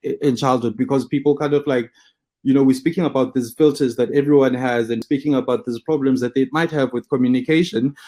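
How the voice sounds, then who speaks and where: A man's voice: mid-range voice, fairly even intonation, quick pace, warm tone. A man hosting an interview, asking long, hesitant questions full of restarts. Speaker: interview host. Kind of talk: interviewing a guest.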